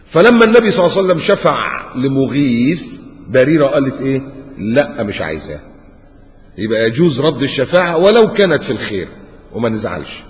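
Egyptian guy preaching, acts out the dialogue, dull lo-fi sound, big hall echo. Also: quick pace. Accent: Egyptian Arabic. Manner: animated storytelling, acts out dialogue with big pitch swings. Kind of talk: colloquial religious lecture. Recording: muffled lecture recording with long hall reverb.

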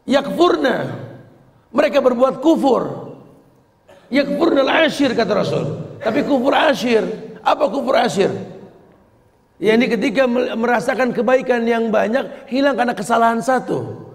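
A man's voice: extremely high pitch, expressive, moderate pace, vocal fry, long pauses. A male preacher, giving an Islamic sermon in a conversational, joking way and quoting Arabic verses. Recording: echoey hall recording with long reverb.

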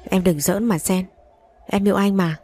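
Brief: woman doing pleading lovesick young man, mellow tone. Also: mid-range voice, steady tone, normal speed, soft background music, close to an everyday voice. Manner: pleading, soothing.

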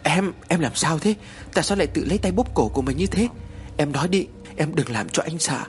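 A man voicing a frightened husband who shouts fierce threats at a ghost to protect his wife. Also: mid-range voice, very animated, fast, slight background noise, natural voice. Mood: desperate, defiant.

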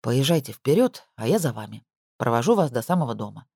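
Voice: mid-range voice, very animated, mellow, slightly rough, dry recording, voice pushed down. A narrator doing a weary skeptical police captain. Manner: dry, laid-back, slow and reasoning.

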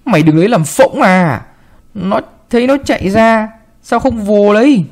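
A man's voice: on the high side, sing-song, normal speed. A man voicing a stout, harsh woman of the house who scolds her young servant, in a read-aloud story. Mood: scolding.

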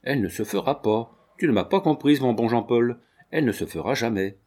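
A man's voice: mid-range voice, expressive, fairly quick, a little mellow, close to an everyday voice. A man reading the lines of a young working-class woman who firmly and sadly refuses a proposal.

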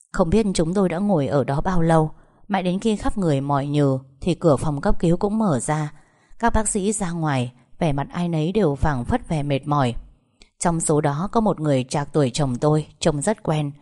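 Female audiobook narrator, measured first-person storytelling, dark warm tone. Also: low voice.

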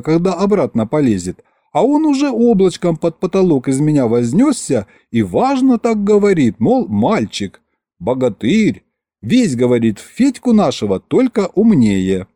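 A man's voice: a little high, huge pitch swings, moderate pace, dark tone, dry recording, pitched above the performer's own voice. A playful young wife from a folk-tale audiobook, put on by a male reader. She coaxes and teases in a folksy lilt that swings up and down. The recording is dry and close. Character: young affectionate teasing peasant wife.

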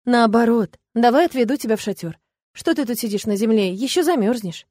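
A woman voicing a male dragon in human form, soft and coaxing with the heroine. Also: very high-pitched, lively intonation, fairly quick, no echo, clean studio sound. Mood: soothing.

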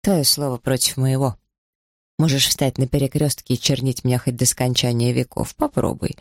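A man's voice: mid-range voice, flat delivery, moderate pace, dry recording, studio quality, natural voice. A man reading aloud, putting on the voice of a bold, scornful young village woman with a mocking, haughty manner.

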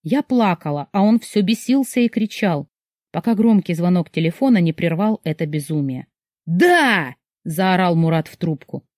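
A woman narrating a dark first-person novel as an audiobook, reading with tense emotion. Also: fairly low pitch, lively intonation, normal speed, no echo, studio quality.

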